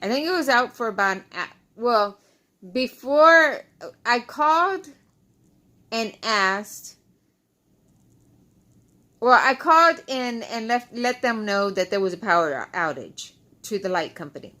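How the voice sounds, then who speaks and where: Slow and full of pauses, her voice a little high, expressive, bright and forceful, a woman vlogger chats casually to her followers in storytime fashion. Close-miked, she repeats herself in frustration, speaking as if through loose, unglued dentures.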